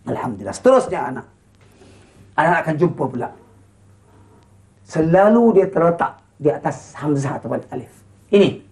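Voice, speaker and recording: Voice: medium pitch, lively intonation, a little mellow. Malaysian Quran teacher chanting and quizzing. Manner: drawn-out chanted model recitation, then quick explaining; quizzing pupils with short questions. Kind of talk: classroom lesson with call-and-response.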